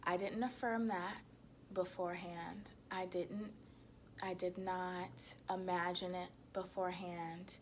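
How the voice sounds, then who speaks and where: A woman giving a reflective self-help monologue to viewers, speaking in a deliberate, halting way with emphatic repetition. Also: on the low side, flat delivery, slight background noise.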